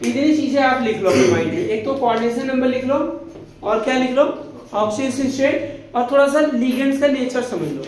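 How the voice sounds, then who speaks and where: A man's voice: extremely high pitch, fairly quick, a little mellow. A male chemistry teacher giving a classroom lecture, asking the students questions and answering them himself, affectionately calling them "beta". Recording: echoey classroom.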